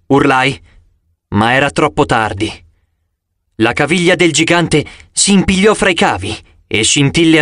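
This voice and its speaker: A man's voice: on the high side, dry recording, clean studio sound. Dramatic male audiobook narrator. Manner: dramatic, expressive reading with sudden loud cries.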